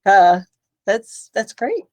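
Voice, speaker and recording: This middle-aged Tennessee voice actress, a guest on a casual interview via video call, has a mid-range voice that is very animated yet slow-paced. She rambles along in an open, chatty manner.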